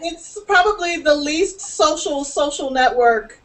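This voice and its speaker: A woman's voice: high-pitched, animated, a little slow, recorded from a distance, rough recording. A woman hosting a casual video call chat, chatty and laughing often, with many restarts. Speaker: host.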